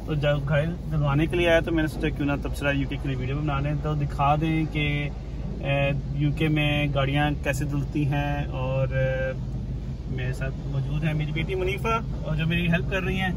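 A man's voice: on the high side, flat delivery, moderate pace. Man vlogging at a noisy car wash. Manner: explains step by step, with many fillers. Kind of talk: casual vlog commentary. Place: outdoor car wash forecourt. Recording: outdoor street noise behind voice. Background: cars and outdoor urban noise.

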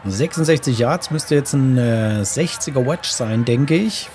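A man's voice: medium pitch, a little slow, a little mellow, a little hiss or hum. A man giving casual gameplay commentary, musing and thinking aloud to himself as he plays. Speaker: gamer, let's play host.

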